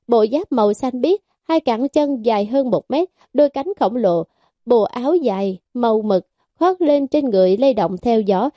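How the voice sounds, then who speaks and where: A woman giving steady, scripted audiobook narration of a fantasy novel. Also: fairly high pitch, no room sound, studio quality. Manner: steady storytelling.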